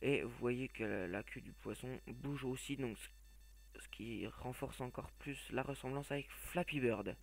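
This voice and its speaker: A man's voice: mid-range voice, a little slow, gravelly. A man reviewing phone game apps in a casual, hesitant voice-over, with blunt opinions, frequent fillers and restarts. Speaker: app reviewer.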